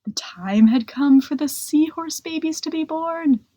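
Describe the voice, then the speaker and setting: A woman reading a children's picture book aloud, gentle and expressive, drawing out words for suspense. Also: high voice, unhurried, no echo. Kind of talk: expressive read-aloud storybook narration.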